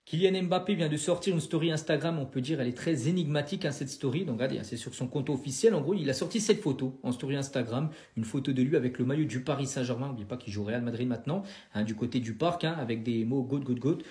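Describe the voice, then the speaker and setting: Man, fast talker, dark mellow voice, echoey room, news recap full of fillers. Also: mid-range voice. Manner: rapid, filler-heavy with frequent "hein". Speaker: football news presenter.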